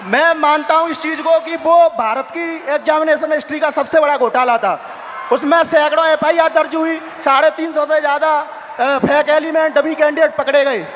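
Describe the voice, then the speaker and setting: A man's voice: extremely high pitch, fairly even intonation, moderate pace, fairly bright tone. A young man, a student exam aspirant, giving impassioned public testimony in a raised, insistent voice, pouring out grievances point after point. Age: young adult. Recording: echoey large hall with crowd noise.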